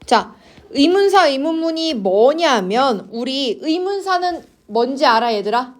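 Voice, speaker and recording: A woman's voice: sits high, expressive, unhurried. A woman teaching an English grammar class, coaxing her students and checking in with them constantly. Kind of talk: online class lecture to students.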